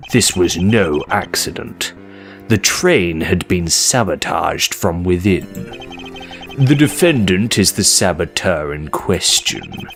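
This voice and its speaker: A man voicing a formal, self-assured courtroom prosecutor from a video game in a measured, pompous way. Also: low voice, heavily acted.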